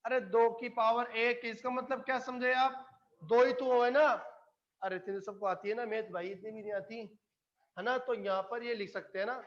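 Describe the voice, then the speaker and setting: A man's voice: very high voice, fairly even intonation, normal speed, lo-fi sound. A man teaching chemistry to a live classroom, coaxing and often checking whether the students follow. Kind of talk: classroom lecture.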